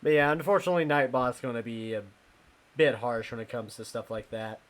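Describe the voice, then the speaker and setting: A man's voice: medium pitch, fairly even intonation. Chatty young male game streamer. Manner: chatty, talks to chat, quick laughs. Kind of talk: casual live game commentary.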